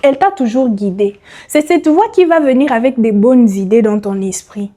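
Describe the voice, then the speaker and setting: Mellow woman preaching to her listener. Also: on the high side, expressive, normal speed. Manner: rhetorical questions, addresses listener directly. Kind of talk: motivational sermon.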